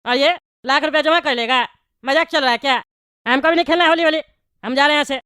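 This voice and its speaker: A woman voicing a bossy bald male politician in a cartoon comedy, scolding and bickering fast. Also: high voice, a bit bright, no room sound, clean studio sound.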